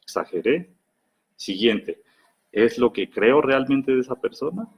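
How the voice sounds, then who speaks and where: A man with a Mexican accent giving advice on handling anger in a lively explanatory talk, often acting out imagined quarrels. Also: medium pitch, measured pace, breathy edge. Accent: Mexican Spanish. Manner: lively, acts out imagined quarrels in other voices.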